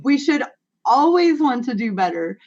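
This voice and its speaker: A woman's voice: high voice, sing-song, moderate pace, a little mellow. Earnest woman with a raised voice. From United States. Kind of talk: casual online panel discussion. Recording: muffled web call audio.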